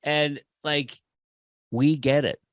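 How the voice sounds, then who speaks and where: A man's voice: a little high, steady tone, slow pace, smooth, dry recording. Impassioned male podcast host, dry sound. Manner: impassioned, preachy, repeats phrases for emphasis. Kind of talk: motivational podcast talk.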